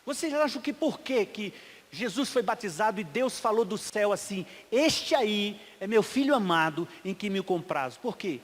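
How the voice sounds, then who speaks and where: High-voiced preaching man in a reverberant hall. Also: animated, moderate pace. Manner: emphatic preaching that swings between loud and hushed. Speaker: pastor. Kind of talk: sermon. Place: church hall.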